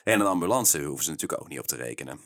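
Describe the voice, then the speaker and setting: Lively man telling a story. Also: very fast. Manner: animated, laughs often, leaps up in pitch for quoted outbursts. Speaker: podcast host, storyteller. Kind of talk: casual storytelling podcast.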